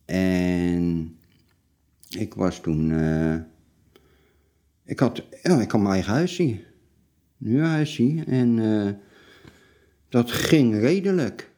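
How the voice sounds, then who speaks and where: A man in his late forties with a very deep voice. His tone is very dark and mellow. He talks bluntly and haltingly, as a guest in a personal interview. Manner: halting, blunt, plain-spoken. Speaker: interview guest telling his life story.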